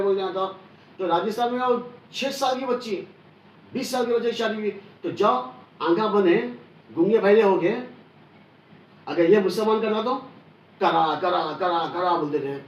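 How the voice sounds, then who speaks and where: A high-voiced man hammers out an angry political rant, forceful and repetitive. He sits back from the mic, and his voice rings around a hard, echoey room. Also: recorded from a distance. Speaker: online news commentator.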